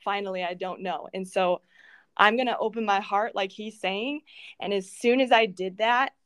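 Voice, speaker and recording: A woman in a personal conversational interview, earnest and halting, telling her faith story at home with many restarts and fillers. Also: medium pitch, a bit bright, clean tone, dry recording. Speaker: guest sharing her faith testimony.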